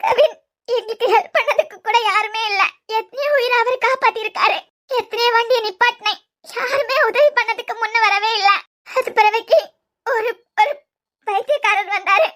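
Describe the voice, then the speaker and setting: A woman's voice: very high-pitched, moderate pace, a bit bright. A woman voicing a frightened, guilt-ridden young wife in a cartoon serial, speaking with a Kanyakumari Tamil accent. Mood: tearful, frightened.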